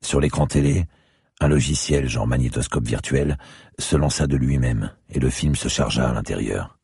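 A man giving grave, steady first-person narration of a dark thriller audiobook. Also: a bass voice, moderate pace, gravelly, husky, no echo, studio quality.

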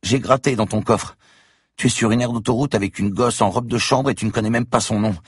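A man's voice: fairly even intonation, a little fast, husky, no echo, clean studio sound, natural voice. A man voicing an eerie, manipulative little girl in an audiobook reading, pleading and threatening. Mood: menacing. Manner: pleading and threatening in a high childish voice.

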